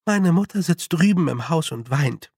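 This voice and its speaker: A determined young witch girl, voiced by a man asks firm, direct questions. The pitch sits raised over a gravelly grain. The sound is close and dry. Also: animated, moderate pace, a little mellow, dry recording. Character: earnest, stubborn young girl learning witchcraft.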